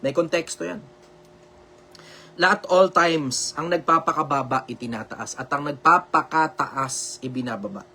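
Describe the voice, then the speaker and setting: A man's voice: on the high side, a little slow, slight background noise. A man with a Filipino accent, hosting a live video-call show and giving blunt, emphatic advice that he often repeats. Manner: says he speaks loudly on purpose for social media. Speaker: live show host answering viewer questions. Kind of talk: loud, preachy live advice talk.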